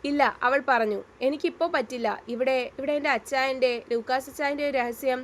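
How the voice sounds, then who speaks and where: A woman's voice: sits high, fairly even intonation, brisk, lightly acted. A woman voicing a shaken young woman who pleads and argues in a read-aloud romance story. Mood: pleading. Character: young woman, torn and tearful heroine.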